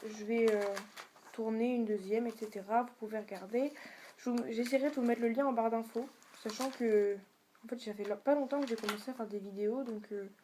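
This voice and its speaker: A woman's voice: fairly high pitch, mellow, a little hiss or hum. A woman giving a beginner video lesson on Chinese tones, patiently demonstrating sounds for viewers to repeat. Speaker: Chinese language teacher.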